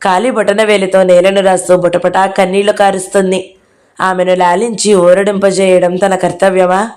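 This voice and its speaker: A woman's voice: mid-range voice, level tone, normal speed, darkish tone. A woman narrating a novel aloud as an audio-book reader, reading out every character herself.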